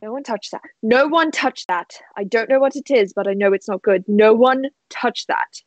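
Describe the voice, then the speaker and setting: A woman's voice: on the high side, moderate pace, no echo, muffled recording, close to an everyday voice. A woman voicing a stern, knowing fantasy woman who speaks curtly and issues firm warnings. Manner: curt, warning.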